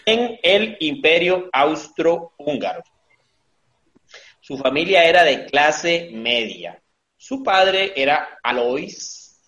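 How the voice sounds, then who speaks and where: A man's voice: mid-range voice, fairly bright tone, roomy sound, rough recording. A man with a Costa Rican accent hosting a casual, crude comedy podcast, joking his way through a mock lecture. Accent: Costa Rican Spanish. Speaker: podcast host.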